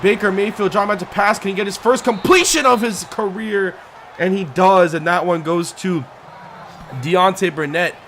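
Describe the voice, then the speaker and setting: Doing sports-style play-by-play over a video game, this excitable gaming YouTuber talks at a normal speed and counts down the yard lines. His pitch rises on the big plays and his voice is giving out. A little hiss or hum sits in the recording.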